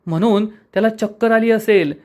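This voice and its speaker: A man's voice: high-pitched, normal speed, a little mellow, voice pushed up, lightly acted. A man reading the lines of an indulgent mother who coaxes her daughter. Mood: coaxing. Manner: coaxing.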